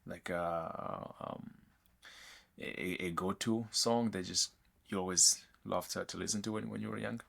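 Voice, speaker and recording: A man who grew up in Mozambique and is not a native English speaker, hosting a podcast interview in a casual, halting way with many restarts. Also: low voice, steady tone, vocal fry, a bit bright. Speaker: podcast host.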